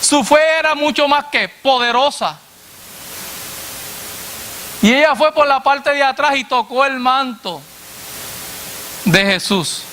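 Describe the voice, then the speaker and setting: A man preacher delivering a sermon to a congregation, asking "what?" and answering himself in a lower voice, addressing listeners as brother. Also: pushed and bright, a little hiss or hum. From Latin America. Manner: call-and-response questions, dropping low on the answer.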